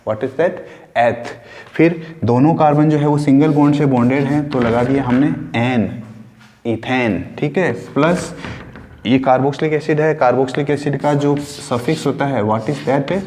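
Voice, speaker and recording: A male chemistry teacher talks through a lesson at a middle pitch, asking his students questions and answering them himself. He mixes in English terms and repeats key words slowly. A faint hiss sits under his voice. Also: darkish tone. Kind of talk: classroom lesson.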